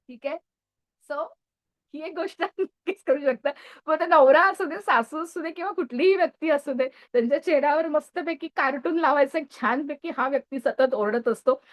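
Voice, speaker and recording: Woman in her thirties, live motivational speaker, chatty and engaging, pitched a bit high. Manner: lively, chatty, frequent check-ins with the audience. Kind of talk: live motivational talk to an audience.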